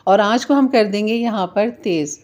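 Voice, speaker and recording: A woman's voice: medium pitch, moderate pace, darkish tone. A woman narrating a cooking tutorial, patiently explaining the reason behind each step. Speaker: home cook, channel host.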